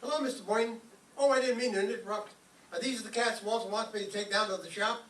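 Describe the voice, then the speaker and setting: Captured by a distant mic in a roomy space with a little noise, a man performs an old-time radio comedy for an audience as an eager, naive schoolboy full of gushing folksy slang. He sounds cheerful, speaking fast in a high, slightly bright voice with fairly even intonation.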